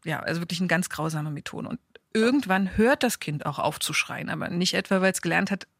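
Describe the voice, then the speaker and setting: A woman's voice: on the low side, fairly quick, gravelly, no room sound, studio quality. A woman in her thirties co-hosting a parenting talk show, explaining earnestly and with emphasis. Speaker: parenting podcast co-host. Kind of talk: casual informative chat.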